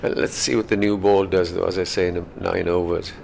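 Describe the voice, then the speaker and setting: Man, low creaky voice, conversational cricket commentary, unhurried, faint ground ambience. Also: level tone, darkish tone, a little hiss or hum.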